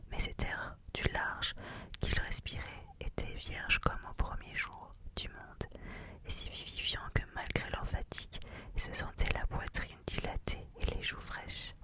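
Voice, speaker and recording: ASMR book reader. Soft library whisper, unvoiced throughout, literary narration.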